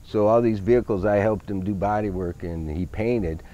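A middle-aged man with a low, mellow voice talks in an easygoing, unhurried way, with many small fillers. He is recorded outdoors on a grassy show field. The sound is a little dull and lo-fi. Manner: easygoing, many fillers, technical car talk. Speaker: van owner. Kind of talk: casual interview.

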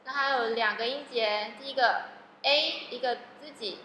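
A woman teaching English phonics in a lesson, sounding out each word slowly and repeating it. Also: high voice, bright, forceful tone, a little hiss or hum. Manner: slow, drawn-out sounding of words, repeating each one. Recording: echoey room with long reverb.

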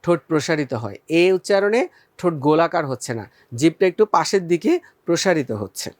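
A man gives a recorded school lesson in a fairly high voice, pausing to pose questions and then answer them. He draws out each vowel slowly so students can copy him. The sound is dry and close, with no room echo. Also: expressive. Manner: patient, addresses students as friends, asks and answers own questions. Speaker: teacher.

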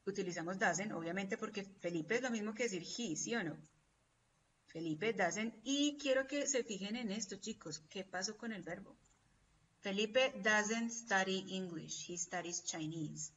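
A woman's voice: mid-range voice, normal speed, a little hiss or hum. A woman teaching an English class, explaining patiently, repeating her examples and checking often that her students follow. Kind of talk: classroom lecture. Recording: distant, dull lo-fi audio.

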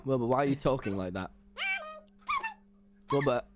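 A man's voice: medium pitch, normal speed, very noisy. A young man on a livestream, cheekily swearing and giving mock critiques while reacting to videos. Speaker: co-host.

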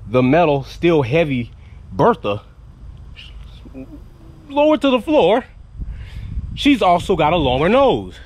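Standing outdoors in a driveway with a handheld camera at arm's length, a man in his thirties reviews a product for his car channel. His voice is on the high side and a little mellow, and he speaks bluntly, animatedly, and with casual swearing over slight background noise.

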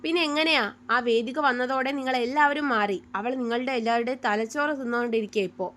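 A woman voicing a bitter, jealous young woman who flares into sharp, resentful outbursts in a read-aloud story. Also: on the high side, fairly quick, natural voice. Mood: resentful, shouting.

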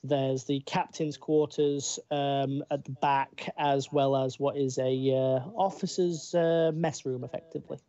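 A man's voice: mid-range voice, little pitch movement, measured pace, hardly any pauses, dark tone. A man narrating a tabletop game as game master, describing scenes loosely with fillers. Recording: dull lo-fi stream audio.

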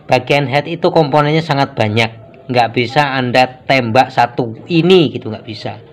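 A man's voice: medium pitch, moderate pace. A man, a mechanic giving a casual hands-on workshop tutorial and explaining each step as he works. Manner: casual, explanatory, mixes in Javanese words. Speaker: motorcycle mechanic. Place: motorcycle workshop.

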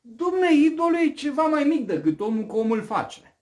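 Male preacher, high-pitched and very expressive, fiery sermon delivery. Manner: animated, rhetorical questions, swings from loud to hushed.

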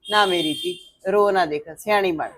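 A woman's voice: lowish voice, moderate pace, a bit bright. A middle-aged woman acting a motherly aunt who comforts a crying niece with proverbs. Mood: soothing. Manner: soothing, proverb-quoting. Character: motherly aunt, soothing and stern. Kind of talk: Punjabi web drama acting.

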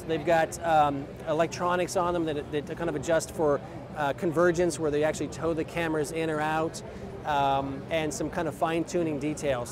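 Guy in his 40s showing off camera rigs, kinda high voice, loud crowd chatter all around outdoors. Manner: casual explanatory, many fillers. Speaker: company president and filmmaker. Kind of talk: trade show equipment demo. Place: outdoor expo booth under an umbrella. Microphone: lapel mic.

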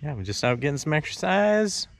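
A man's voice: fairly high pitch, very animated, a little fast. A man in his fifties making laid-back, brief remarks while hiking, recorded on a handheld camera outdoors. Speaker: RV travel vlogger. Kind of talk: casual chat while hiking. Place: outdoors on a forest trail.

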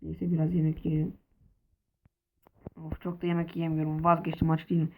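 A woman commenting on her block-building game role-play, excitable, with playful swearing and constant calls to her viewers. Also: sits low, brisk, phone-quality sound, noisy background. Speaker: gaming video creator.

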